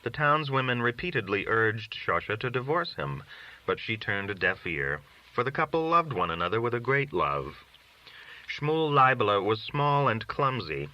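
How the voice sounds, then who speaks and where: A man reads literary short stories aloud in scripted, audiobook-style narration, his medium-pitched voice sing-song at a moderate pace. The recording sounds dull and lo-fi.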